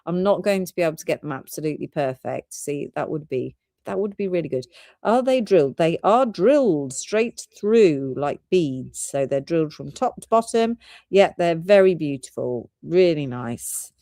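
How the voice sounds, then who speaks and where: British female host for live shopping, rambling and giggly, lowish voice, dry close sound. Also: lively intonation, moderate pace, mellow, no room sound. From Britain. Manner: chatty, giggly, rambling product talk.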